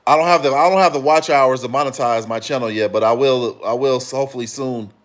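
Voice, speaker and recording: Talking fast in a mid-range voice, this Chicago man hosts a casual livestream. As he works through comments, he rambles in a relaxed manner and often fills pauses or starts over.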